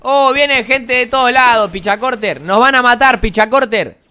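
A man's voice: normal speed, pushed and bright, slight background noise. A man in his twenties with an Argentine accent, teasing and mocking other players in casual voice chat while gaming. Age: 20s. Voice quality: high-pitched voice. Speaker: gaming streamer.

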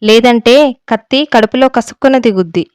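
Woman reading as a defiant young daughter-in-law, heated, smooth clear voice. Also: fairly high pitch, brisk, a little mellow, no echo, lightly acted.

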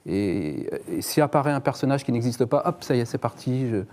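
A man's voice: mid-range voice, expressive, brisk, a little mellow. A man on a discussion panel who talks in a modest, hesitant and plain way. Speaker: novelist guest.

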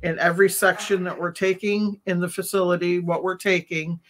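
A middle-aged woman on a video call from home, calmly explaining her routine step by step as an interview guest. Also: fairly low pitch, brisk. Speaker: reptile vendor guest. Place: home room. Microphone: webcam on a video call.

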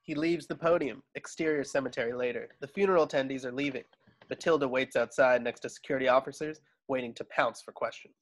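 The recording is rough as a man with a medium-pitched voice rattles through screenplay stage directions quickly and expressively. He's taking part in a table read over a video call at home, captured by the call's microphone.

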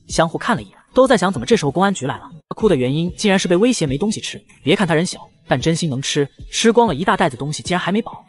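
A man narrating an animated comic story in a scripted, rapid style. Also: a little high.

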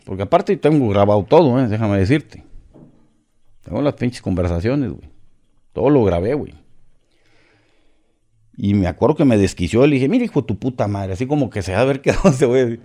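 A man's voice: medium pitch, animated, normal speed, pauses often, warm tone. A middle-aged man from Mexico with a Mexican accent, a podcast guest telling a story in casual, profane slang and acting out the other voices.

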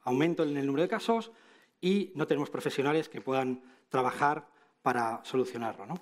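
On a large indoor auditorium stage, a middle-aged male conference speaker from Spain talks fairly quickly in a mid-pitched voice with a Castilian accent from Madrid. He's informal and conversational, dropping wry asides and frequent tag questions to check in with the audience.

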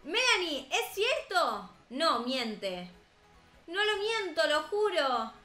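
A woman's voice: sits high, big pitch swings, slow, pushed and bright, reverberant, faint music behind, exaggerated voice. A young woman reading the lines of a naive young girl who talks to her doll, close to her own voice. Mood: earnest. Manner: plainly read dialogue.

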